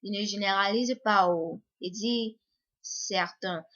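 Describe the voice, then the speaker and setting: Slow, mid-range and a bit bright, the young woman's voice carries a casual vlog to her viewers. She repeats words and restarts often out of hesitancy, recorded in slightly muffled lo-fi audio.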